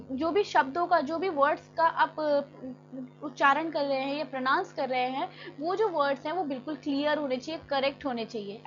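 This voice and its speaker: A woman teacher giving a classroom lecture. She reads textbook lines slowly in English, then explains them in casual Hindi. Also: high voice, lo-fi sound, slight background noise.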